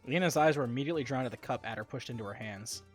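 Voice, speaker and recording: A man's voice: medium pitch, racing, soft background music. A man narrating a visual novel on a live stream, reading the text with wry asides of his own.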